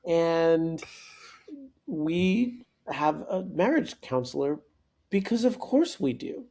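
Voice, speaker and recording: A man in his forties, a guest coach and author, telling stories in an animated way, often restarting his sentences. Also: on the high side, slow pace, creaky. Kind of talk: conversational podcast storytelling.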